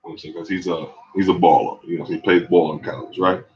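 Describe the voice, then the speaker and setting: A man's voice: deep voice, steady tone, quick pace, dull audio, a little hiss or hum. A man from New York with a New York accent, telling a story in casual, streetwise talk and often asking "you know what I'm saying". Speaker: barber and vlogger.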